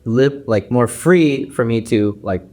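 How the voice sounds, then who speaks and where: His voice is mid-range with a darkish tone, and he takes his time. The man, an actor from the United States whose first language is Mandarin, is a podcast guest in casual interview talk, speaking loosely and rambling with many fillers and restarts.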